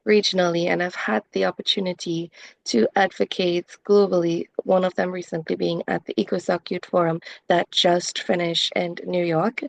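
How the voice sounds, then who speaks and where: Young woman panelist, earnest and polished, some vocal fry, close dry sound. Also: lowish voice, no room sound, lo-fi sound. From Trinidad and Tobago. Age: young adult. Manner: earnest, articulate, speech-like. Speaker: panelist, youth advocate. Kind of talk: panel discussion answers.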